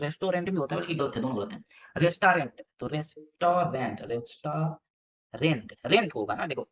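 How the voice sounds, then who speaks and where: A man with a fairly high voice races through a spelling lesson for exam students. He thinks aloud, repeats words and spells them letter by letter. The recording sounds dull and lo-fi. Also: a bit bright. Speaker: English teacher for exam prep. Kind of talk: casual spelling quiz lesson.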